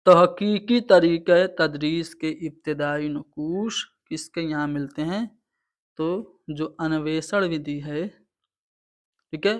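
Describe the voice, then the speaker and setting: Male tutor, higher voice, patient step-by-step explaining, online exam-prep lecture. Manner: explains answers step by step, repeating "theek hai".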